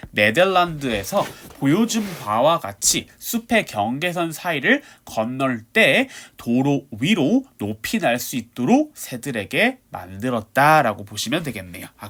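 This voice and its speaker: A man's voice: mid-range voice, fairly bright tone. A male English teacher giving an exam-prep lecture, walking students through a text in a mix of casual and polite speech.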